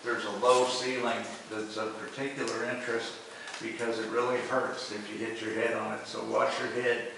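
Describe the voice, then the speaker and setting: A man with an American accent guiding a tour in a halting way, searching for words as he talks in an echoing cave. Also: medium pitch, flat delivery, vocal fry. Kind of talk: guided tour talk. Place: inside a show cave. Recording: echoing cave, distant mic, faint noise.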